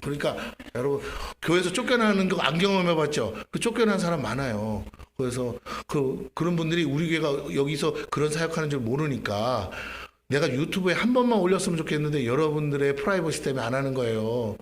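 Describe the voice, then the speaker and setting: A man, the senior pastor, preaching a lively sermon in a church, acting out his prayers and questioning the congregation. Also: fairly high pitch, brisk. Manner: animated, acts out his own prayers and asks the congregation questions. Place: church sanctuary.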